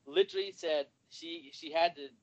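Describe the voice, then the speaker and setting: A man's voice: on the high side, normal speed, poor audio. A man in casual chat, fondly reminiscing about past trips as a former tour guide and laughing often.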